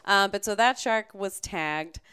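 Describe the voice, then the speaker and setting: Clear-voiced woman scientist, chatty. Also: medium pitch, a little slow, bright, forceful tone. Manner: chatty, laughs easily, many fillers. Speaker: shark research scientist. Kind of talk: casual interview answers.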